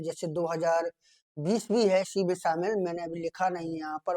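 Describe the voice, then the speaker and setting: Indian man, tutor, steady grammar explainer who reads examples slowly and checks in often. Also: high voice. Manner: repeats "theek hai" often, asks and answers his own questions; reads English sentences out slowly, as if dictating. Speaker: teacher. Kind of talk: exam grammar lesson.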